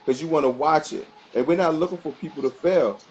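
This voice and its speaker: A man's voice: on the high side, fairly quick, darkish tone. A man answering interview questions casually as a dog trainer, speaking colloquially and emphatically and repeating phrases to make his point. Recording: muffled sound with background noise.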